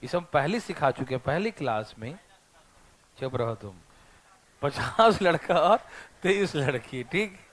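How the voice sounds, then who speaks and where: A man's voice: a little high, lively intonation, a little slow, pauses often, a bit bright. A male math teacher lecturing a classroom, teasing his students and checking in with them constantly.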